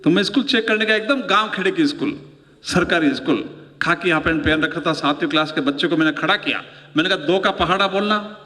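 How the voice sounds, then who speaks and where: A man's voice: fairly high pitch, fast, pushed and bright. A middle-aged man performing humorous poetry and storytelling for a live audience, joking with them as he goes. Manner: storytelling, playful, audience banter. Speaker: stand-up poet. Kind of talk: humorous Hindi poetry recital. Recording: long hall reverb.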